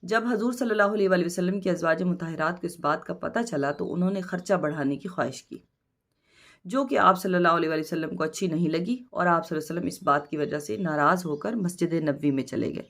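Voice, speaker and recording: A woman teacher with a Pakistani Urdu accent, giving a recorded study lesson and going slowly through word meanings one at a time. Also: fairly low pitch, a bit bright. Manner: reads word meanings slowly, stressing each word.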